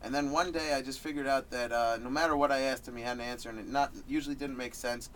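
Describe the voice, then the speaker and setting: A man's voice: mid-range voice, fairly even intonation, fast talker, a bit bright, recorded from a distance, a little hiss or hum. A man hosting a radio interview, telling stories casually in a rambling way full of "uh". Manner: rambling storyteller, uh-filled. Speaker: radio host. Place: radio studio.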